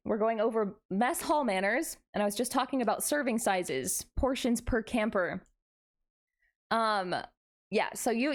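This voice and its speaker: A woman hosting a casual livestream, chatting playfully back and forth with her viewers. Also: on the high side. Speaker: variety streamer, VTuber host.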